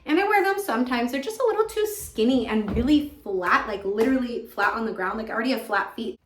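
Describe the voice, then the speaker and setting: A woman's voice: fairly high pitch, expressive, fast talker. American woman vlogging in an echoing bathroom. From California. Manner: gushing, repeats words for emphasis. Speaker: fashion vlogger. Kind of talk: casual chatty favorites vlog. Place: indoors in a home bathroom. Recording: echoing bathroom, no external microphone.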